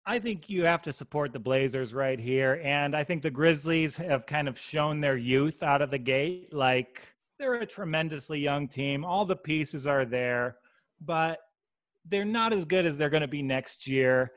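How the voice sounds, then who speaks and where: A man with a Michigan accent chats animatedly about sports bets, tossing in jokes and quick asides. His voice sits on the high side for a man. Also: fairly bright tone. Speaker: sports betting podcast co-host. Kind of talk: casual sports chat.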